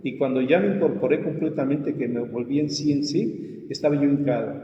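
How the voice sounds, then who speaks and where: A man's voice: mid-range voice, fairly quick. A male pastor telling his testimony in a conversation, acting out the voices of the people in his story. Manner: animated storyteller, acts out his own cries and quoted voices. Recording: muffled, echoey room with long reverb.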